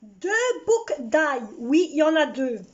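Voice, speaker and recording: A woman's voice: high voice, lively intonation, slow, a little mellow. A middle-aged woman chatting casually to her viewers in her home kitchen as she cooks, talking straight to camera. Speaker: cooking vlogger. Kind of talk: casual cooking vlog. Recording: dull lo-fi sound, faint noise.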